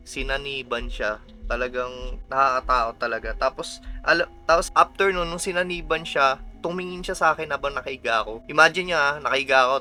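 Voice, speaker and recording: A man's voice: a little high, pushed and bright. A young man with a Filipino accent, casually recounting a nightmare to his viewers and often calling them "boss". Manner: chatty, often addresses listeners as "mga boss". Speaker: vlogger. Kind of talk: casual storytelling.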